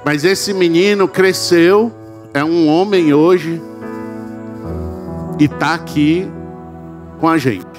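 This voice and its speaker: A man's voice: fairly high pitch, slow pace, long pauses, music in the background. A man with a Brazilian Portuguese accent, preaching a sermon and telling a story in a dramatic, emotional way.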